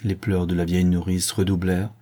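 A man narrating an audiobook in a measured, even storytelling manner. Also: sits low. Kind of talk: scripted narration.

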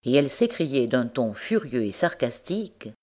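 A woman narrating a literary story in a measured, expressive way. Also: very deep voice. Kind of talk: audiobook narration.

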